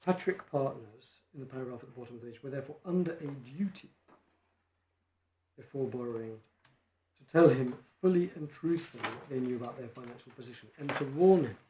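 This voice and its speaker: A barrister making a measured legal argument in court, reading quoted passages from judgments. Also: male voice, mid-range voice, warm tone. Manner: measured, reads quotations from case law. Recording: echoey courtroom, faint noise.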